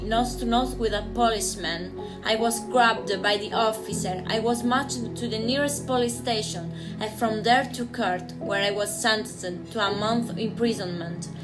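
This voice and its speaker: A woman's voice: a little high, close to an everyday voice, poor audio. A woman playing a brave upper-class suffragette who tells her own story in an earnest, emphatic way. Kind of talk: historical drama acting. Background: music.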